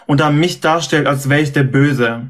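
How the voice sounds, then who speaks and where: A man's voice: a little high, normal speed, a bit bright. Defensive man arguing his side. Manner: defensive, insistent, repeats himself. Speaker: streamer in a live dispute. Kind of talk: heated argument.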